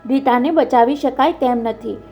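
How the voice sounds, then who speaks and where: A man's voice: very high-pitched, a little mellow, faint music behind. A woman voicing a flustered young male doctor whose voice chokes, in a storybook reading. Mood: distressed. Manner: hurried, choked.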